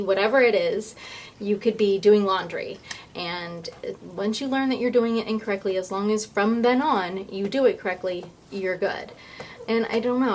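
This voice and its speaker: A woman chatting casually and informally to her viewers as a vlogger, often thinking aloud, with some noise in the recording. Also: medium pitch. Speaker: vlogger and real estate agent. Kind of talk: casual vlog chat.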